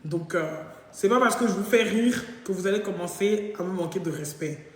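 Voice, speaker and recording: A woman tells a funny personal story to her live viewers, switching between her own voice and the other person's. Her delivery is playful and animated. The sound bounces around a bare, very echoey room, and the reverb hangs on after each phrase. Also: mid-range voice, moderate pace. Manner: animated, jokey, acts out both sides of dialogue. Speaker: live-stream host. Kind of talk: casual storytelling monologue.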